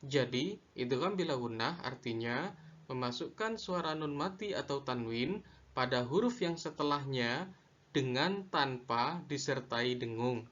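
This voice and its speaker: A man teaching a lesson on Quran recitation rules, slow and deliberate, repeating each definition. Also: mid-range voice, animated, a bit bright, highs cut off, slight background noise. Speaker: religious studies teacher.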